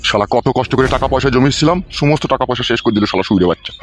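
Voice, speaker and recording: A man doing a gruff furious cartoon father. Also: medium pitch, very fast. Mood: rueful. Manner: rough shouted abuse, weary grumbling. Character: angry middle-aged father, harsh then rueful. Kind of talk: adult comedy cartoon dubbing.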